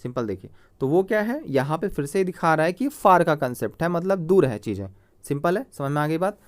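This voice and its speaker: A man's voice: fairly high pitch, big pitch swings, fairly quick. A male grammar teacher giving a classroom-style lecture over slides, asking himself questions and answering them, repeating key terms and checking that students follow. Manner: checks understanding with frequent "clear?" prompts.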